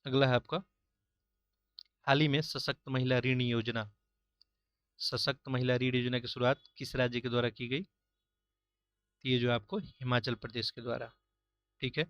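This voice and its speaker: A man takes his students through a practice test question by question, keeping his delivery steady and explanatory. His voice stays at a middling pitch with very little rise and fall. The sound is close and dry, with no room around it. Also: unhurried, long pauses, no room sound. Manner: steady, explanatory, repeats filler "jo hai". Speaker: exam-prep teacher. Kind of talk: going through mock-test answers.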